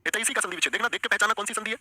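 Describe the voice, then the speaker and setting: A man's voice: high voice, rapid-fire, pushed and bright. A man teaching an online exam-prep lesson, coaxing the class and repeating his questions.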